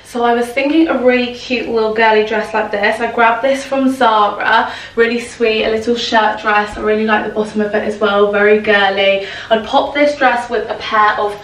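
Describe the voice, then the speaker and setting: A woman's voice: a little high, fairly even intonation, normal speed, a bit bright. A young woman vlogger gushing about her outfits as she sorts clothes at home. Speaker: fashion vlogger. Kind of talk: casual styling chat to camera. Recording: roomy echo, distant from the mic.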